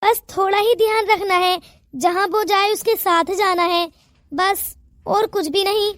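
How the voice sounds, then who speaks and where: A woman's voice: extremely high pitch, fairly even intonation, a little slow, fairly bright tone, no echo, clean studio sound. A woman voicing a stern, wealthy older father in a cartoon, speaking in a commanding, fatherly way. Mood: earnest.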